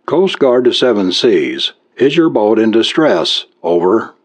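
A man's voice: lowish voice, sing-song, unhurried, slightly rough, exaggerated voice. A man voicing a stern, bureaucratic male coast guard radio operator. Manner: stern, clipped radio protocol. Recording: dull lo-fi recording.

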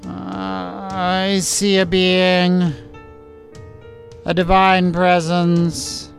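Old witch lady, strained and jumpy, way higher than normal, guy doing the voice. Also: completely flat delivery, very slow, creaky, soft background music, heavily acted. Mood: entranced. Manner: strained, dramatic, cries out. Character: fearful old female witch, medium.

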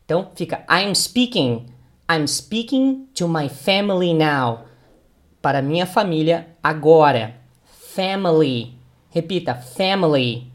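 A man walks a learner through English pronunciation at a deliberate, unhurried pace. He breaks words into their sounds and drills them patiently, asking the student to repeat after him. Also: on the high side, animated. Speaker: English teacher. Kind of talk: pronunciation lesson.

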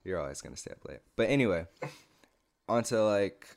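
A man's voice: lowish voice, lively intonation, a little fast. A young man and podcast co-host, chatting casually with slang, laughing often and blunt. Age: young adult. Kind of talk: casual chat.

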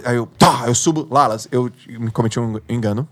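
A man with a Brazilian Portuguese accent, a podcast guest who mentors entrepreneurs, tells animated stories in a slangy, emphatic style, swearing at times and acting out his own inner voice. His voice is medium-pitched and brisk.

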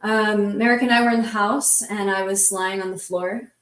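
Woman guest, mid-pitched, vivid breathless storyteller, recorded off the mic. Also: steady tone, normal speed, recorded from a distance. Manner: vivid, breathless retelling with many "like" fillers. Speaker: roundtable guest. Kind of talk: casual storytelling. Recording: roomy sound from off the mic.

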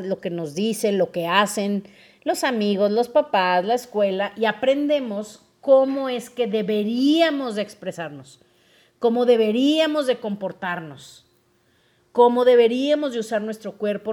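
Lively Mexican woman with a high voice. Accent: Mexican Spanish. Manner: lively, asks listeners questions often. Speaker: podcast host. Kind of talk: casual explanatory podcast talk.

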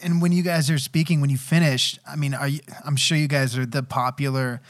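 A man hosting a podcast, asking casual questions in a relaxed, encouraging way. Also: mid-range voice, a little fast. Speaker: podcast host.

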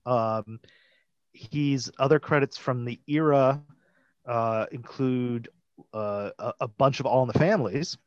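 A man co-hosting a podcast in casual chat, animated, laughing now and then and acting out what he once thought. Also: mid-range voice, a little slow, no echo. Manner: animated, laughs, acts out quotes. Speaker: podcast co-host. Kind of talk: casual chat about a TV episode. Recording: dull lo-fi dry sound.

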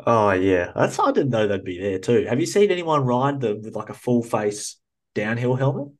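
Speaking at a moderate pace in a medium-pitched, sing-song voice, this podcast host chats casually with his interview guest from a small cubby. He's a New Zealander with an accent that comes across as Australian, and his manner is upbeat, talkative, and quick to laugh.

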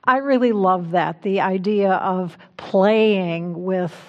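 A woman minister delivering a conversational sermon in a reflective, informal way, gently guiding her listeners. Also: medium pitch, takes it slowly, dull audio. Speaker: minister giving a talk. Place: church sanctuary.

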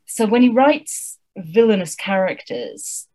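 A woman's voice: mid-range voice, slow pace. A woman co-hosting a casual book-chat podcast, wry and thoughtful, reading passages aloud with relish. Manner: thoughtful, wry, lively reader. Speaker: podcast co-host.

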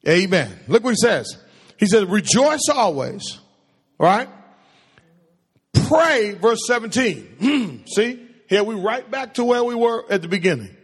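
Delivering a call-and-response sermon in a church sanctuary, this man preaches in a slow, animated, husky voice he describes as baritone. He is a pastor with a preachy manner, asking the congregation questions and then answering them. The sound carries a long hall reverb.

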